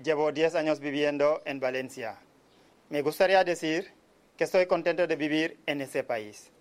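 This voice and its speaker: A man from Senegal giving an earnest, measured monologue, often speaking quietly. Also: on the high side, fairly even intonation. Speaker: speaker telling of his migrant life. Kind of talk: reflective spoken monologue.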